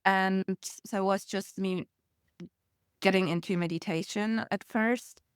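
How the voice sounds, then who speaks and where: Young woman, smooth clear voice, dry close sound, casual storytelling. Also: mid-range voice, fairly even intonation, unhurried, dry recording. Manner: storytelling with laughs and acted quotes. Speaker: podcast guest. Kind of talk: casual conversational interview.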